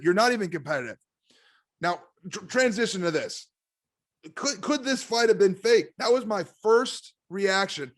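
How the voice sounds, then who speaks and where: A man chatting casually as a guest on a podcast, an animated and excitable wrestling fan. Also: sits high. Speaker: guest commentator.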